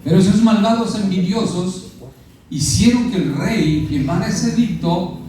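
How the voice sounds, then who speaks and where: A Mexican-accented pastor with a fairly high, mellow voice, preaching to his congregation and stopping to quiz them. He is heard from a distance in a church sanctuary with a strong echo, and soft music plays faintly behind him. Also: a little slow. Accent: Mexican Spanish. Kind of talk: sermon. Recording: echoey church hall from far off.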